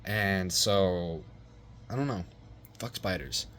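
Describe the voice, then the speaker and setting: Low-voiced young man rambling a story. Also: slow, a bit bright, a little hiss or hum. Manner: rambling and profane, heavy slang and fillers. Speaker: vlogger telling a personal story. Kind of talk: casual storytelling.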